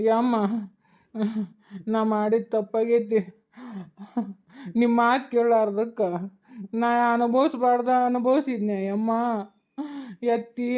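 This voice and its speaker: A woman's voice: on the high side, mellow, lightly acted. A woman doing a remorseful poisoned village husband. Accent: North Karnataka Kannada. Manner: pleading, mournful farewell speech. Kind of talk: cartoon voice acting. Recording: dull lo-fi recording.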